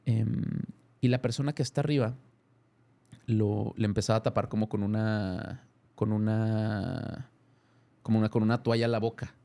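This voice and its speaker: Speaking in a lowish voice at a moderate pace, with frequent pauses, this thirtysomething guest has a Mexican accent. In a relaxed interview he tells an animated story, repeatedly starting over and correcting himself.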